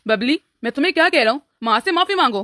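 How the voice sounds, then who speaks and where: A young cartoon husband, voiced by a woman who placates his mother and lectures his wife in a quick, high voice. The sound is dry and close. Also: animated, pushed and bright, dry recording. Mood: placating. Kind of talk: cartoon story voice acting.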